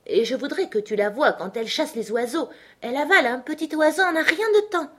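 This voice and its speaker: A woman's voice: a little high, expressive, fairly quick, pitched above the performer's own voice. A woman reading the part of an earnest, eager-to-please young girl in a storybook.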